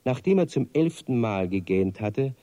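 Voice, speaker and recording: A man narrating a children's radio play with lively, expressive storytelling. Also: mid-range voice, normal speed, no room sound.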